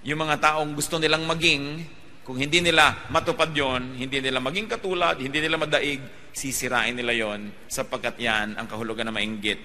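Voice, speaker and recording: A Filipino man preaching a sermon, moving between soft, slow asides and loud, fast emphatic bursts. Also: medium pitch, steady tone, slight background noise. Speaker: pastor. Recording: long hall reverb with faint music behind.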